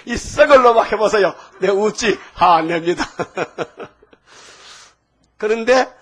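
A man's voice: high-pitched, husky. An older man preaching a sermon to his congregation in a folksy, teasing way, often tossing questions back to the listeners. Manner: folksy, call-and-response, asking the congregation "응?". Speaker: pastor.

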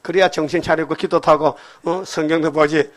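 An older man preaching a sermon in a church, animated and firing rhetorical questions at the congregation. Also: on the high side, normal speed. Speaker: pastor. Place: church sanctuary.

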